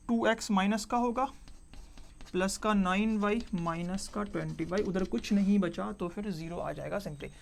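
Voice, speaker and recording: A man teaching a math lesson, explaining each step slowly and repeating key points, with English math terms mixed in. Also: high voice. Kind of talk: board-work math lesson.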